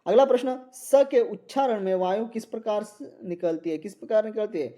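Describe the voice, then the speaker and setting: A man's voice: high voice, moderate pace, dark tone. A man teaching a Hindi exam-prep lecture, reading out multiple-choice questions and repeating each answer.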